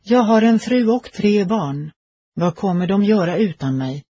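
A man's voice: sits high, lively intonation, dark tone, slightly rough, voice pushed up. A man voicing a big, frightened soldier who has just died, pleading and confused, in a read-aloud story. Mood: anxious. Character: big frightened newly dead male soldier.

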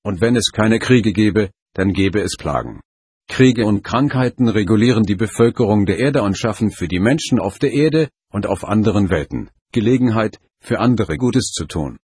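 A man voicing an old, wise lama mentor who speaks calmly and gravely. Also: lowish voice, no room sound, clean studio sound. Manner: calm, slow, grave.

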